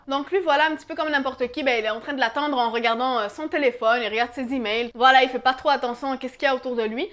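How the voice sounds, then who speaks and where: Quick chatty young woman storyteller. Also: high voice, a bit bright. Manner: chatty, many fillers. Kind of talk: casual horror story narration.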